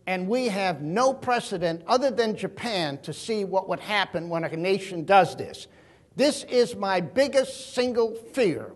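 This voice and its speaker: An older man giving a keynote talk, earnest and emphatic, telling stories as he walks through his charts. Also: sits high. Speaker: keynote speaker. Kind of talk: keynote talk on money and markets.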